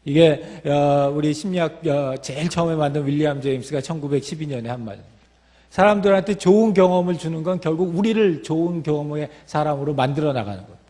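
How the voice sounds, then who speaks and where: A man's voice: on the high side, fast, warm tone. Man lecturing in a reverberant hall. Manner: explanatory, with fillers and restarts. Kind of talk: lecture talk.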